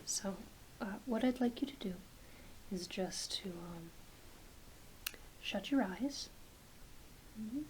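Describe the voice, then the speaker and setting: A woman whispers and speaks softly through an ASMR doctor roleplay, gently reassuring a patient with a degree of hesitancy. Her medium-pitched voice is slow, with frequent pauses. The audio is poor, with a clear background hiss.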